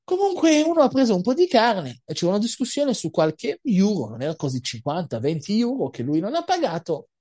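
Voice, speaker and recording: A woman teaching through a storytelling sermon, lively, with frequent asides to her listeners. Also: medium pitch, brisk, hardly any pauses, slightly rough. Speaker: religious teacher.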